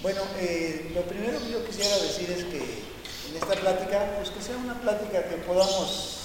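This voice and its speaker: Higher-voiced man hosting in echoey hall. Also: lively intonation, normal speed, very noisy. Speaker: union host. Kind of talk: opening a meeting.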